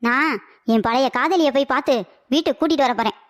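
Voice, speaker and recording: A woman's voice: high voice, quick pace, noisy background, natural voice. A woman voicing a foolish, henpecked older husband in a cartoon comedy, whiny and lovesick. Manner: whiny, pleading, dreamy.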